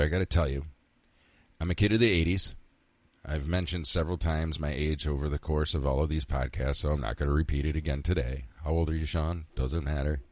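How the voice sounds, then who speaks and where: A man in his fifties from central New York hosts a casual solo podcast, rambling candidly, swearing freely and talking to himself. His voice is a low rumble, with no room sound.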